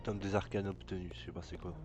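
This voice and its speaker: A man's voice: low voice, little pitch movement, fast talker. A man giving casual gameplay commentary, hesitant and thinking aloud as he goes. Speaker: let's play gamer. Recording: loud game music underneath. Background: loud game music.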